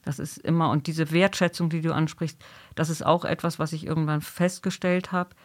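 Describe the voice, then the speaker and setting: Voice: medium pitch, level tone, moderate pace. A dog trainer and coach as an interview guest, speaking reflectively and affirming often. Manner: reflective, affirming, frequent "genau". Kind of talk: casual conversational interview.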